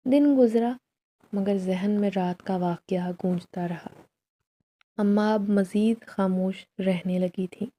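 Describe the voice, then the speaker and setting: A woman narrating a first-person horror story as a storyteller, in a slow, measured, solemn way. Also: medium pitch, steady tone, mellow.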